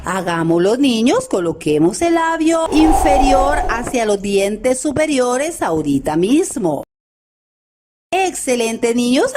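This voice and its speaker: A woman teacher speaks slowly and patiently to small children, guiding a phonics lesson. Her pitch rises and falls in a lively, sing-song way. There is a faint hiss behind her voice. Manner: slow, patient, addresses children constantly, praises often.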